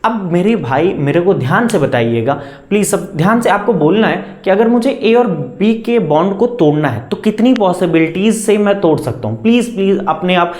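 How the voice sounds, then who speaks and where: A man's voice: sits high, animated, darkish tone. Male chemistry teacher, echoey room. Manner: coaxing, calls students beta, asks and answers own questions; dictates definitions slowly, word by word. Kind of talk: classroom lecture.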